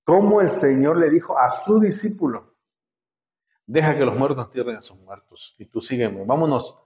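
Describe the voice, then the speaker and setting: A man's voice: medium pitch, lively intonation, normal speed. A man preaching a sermon as pastor, asking the congregation one rhetorical question after another. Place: church hall. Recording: dull lo-fi, echoey church hall.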